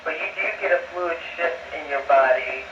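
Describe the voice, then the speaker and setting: A man's voice: fairly high pitch, a little fast, background noise. Man on a muffled space radio link. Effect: space radio transmission. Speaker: astronaut answering students' questions. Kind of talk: question-and-answer radio chat. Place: aboard a space station. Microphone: ham radio. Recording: muffled, echoey, distant ham radio link.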